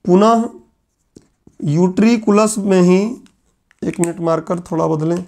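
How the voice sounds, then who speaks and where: High-voiced man dictating a lecture. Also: mellow. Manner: repeats key phrases slowly for dictation. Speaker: exam coaching teacher. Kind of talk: classroom lecture. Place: classroom with whiteboard.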